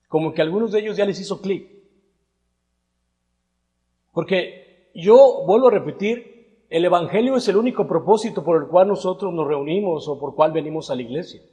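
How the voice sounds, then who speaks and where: A man's voice: a little high, dark tone. Preacher man in a reverberant church. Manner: conversational, building to emphatic rhetorical questions. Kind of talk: sermon. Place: church hall. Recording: long reverb of a church hall.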